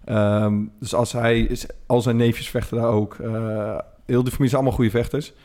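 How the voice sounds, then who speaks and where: A man's voice: medium pitch, flat delivery, moderate pace, mellow. A man, co-hosting a casual podcast chat and telling rambling stories full of fillers. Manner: rambling storyteller with many fillers. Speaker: podcast co-host.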